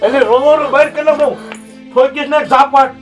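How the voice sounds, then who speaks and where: A man's voice: very high voice, fairly even intonation, a little fast, fairly bright tone, faint music behind. An actor playing a stern older village father who scolds and commands his daughter in a village drama.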